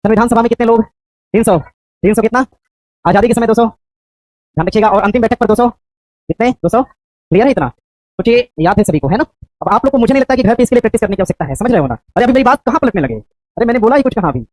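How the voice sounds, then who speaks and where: A woman teacher coaching a class for an exam, quizzing students with rapid, repeated questions. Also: a little high, expressive, darkish tone, dry recording, low-quality recording.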